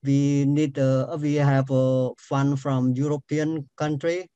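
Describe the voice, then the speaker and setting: Older Cambodian-accented man, Khmer native speaker, slow, soft-toned testimony. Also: medium pitch, flat delivery, clear, resonant tone, no room sound, dull audio. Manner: halting, with frequent pauses and fillers. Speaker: panel speaker. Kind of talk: personal testimony on a webinar.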